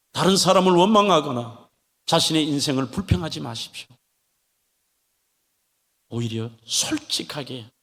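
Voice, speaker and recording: A male pastor preaching a sermon in a church, delivering it in an animated way with dramatic turns. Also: a little high. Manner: animated preaching, acting out pleading voices of biblical figures. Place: church sanctuary. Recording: long hall reverb of a church.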